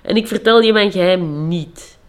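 A gruff hunter husband from a spoken fairy tale, scolding his wife in low, slow, stern lines, as the storyteller puts him on. He sounds grumpy and stubborn. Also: natural voice.

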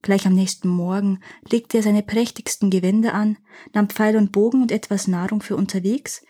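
A woman reading a fairy tale aloud in a clear, measured storytelling manner. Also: medium pitch, fairly even intonation, dark tone.

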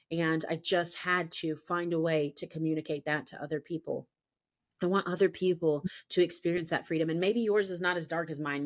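With a low-pitched voice, a woman guest on a faith podcast recounts her personal testimony. She is emphatic and earnest, her story looping back on itself, and "I'm telling you" comes up again and again.

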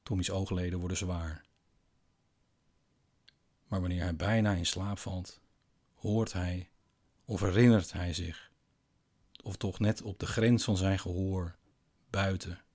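Low, hushed male storyteller. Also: fairly even intonation. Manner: quiet, slow, hushed with long pauses. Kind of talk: scripted narration of a bedtime horror story.

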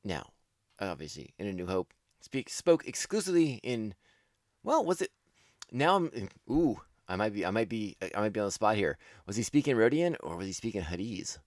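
In a low, deep voice with big pitch swings, a man rambles through casual podcast commentary at normal speed, often restarting and correcting himself. His fan enthusiasm shows, and he laughs at his own slips. The recording is dry and close, with no room sound.

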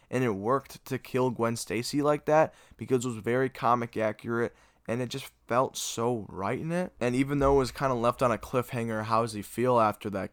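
A young man hosting a podcast, reviewing a movie in casual chat, excitable and gushing, with lots of filler words. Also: mid-range voice, dry recording, studio quality. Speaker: podcast host.

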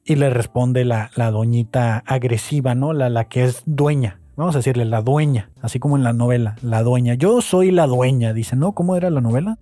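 A man's voice: mid-range voice, fairly quick, hardly any pauses, dark tone, dry recording. A young man with a Mexican accent, hosting a podcast and telling a story in a slangy, casual way with frequent exclamations. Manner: slangy, laughs and exclaims while retelling gossip. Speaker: podcast host.

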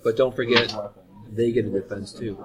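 A man's voice: medium pitch, fairly even intonation, moderate pace, rough recording. A man playing a tabletop game, chatting casually and explaining rules to the others. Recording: loud crowd chatter behind. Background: loud chatter of a crowd.

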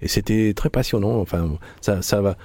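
A man guest in a radio studio, calmly describing a program he produced, mostly in short replies. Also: on the low side, moderate pace, breathy edge, dry recording. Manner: calm, brief replies. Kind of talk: live radio discussion.

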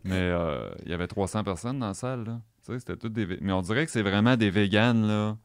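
A man with a Quebec French accent, a chef chatting casually on a studio podcast and telling animated stories. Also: lowish voice, quick pace, no room sound. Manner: animated storyteller, mimics others' speech. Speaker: chef and cookbook author. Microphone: studio mic.

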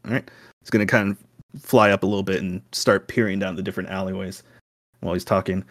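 A man's voice: low-pitched, little pitch movement, quick pace, dry recording, studio quality. A man casually narrating his character's actions as a player in a tabletop game.

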